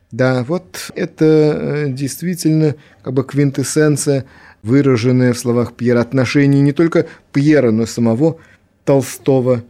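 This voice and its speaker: A man giving a spoken lecture on literature, reading passages aloud and commenting in an unhurried way with small fillers. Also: mid-range voice, warm tone.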